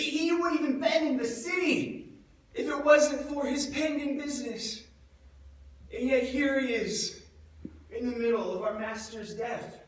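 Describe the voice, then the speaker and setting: A male actor with a very high voice performs a theatrical church monologue as a grief-stricken, guilt-ridden disciple of Jesus. His troubled, questioning delivery is halting, anguished and emotive, with repeated words. The recording is echoey, taken far from the mic in a large church.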